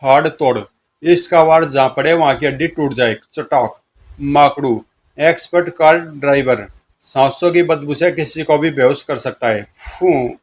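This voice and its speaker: A man narrating a comic audio story in a lively storytelling manner. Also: a little high, moderate pace.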